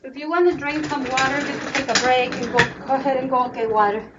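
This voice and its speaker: Distant, high-voiced woman host. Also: steady tone, quick pace, background noise. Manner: informal, restarts phrases often. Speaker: school show host. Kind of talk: casual live-stream talk. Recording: dull and distant.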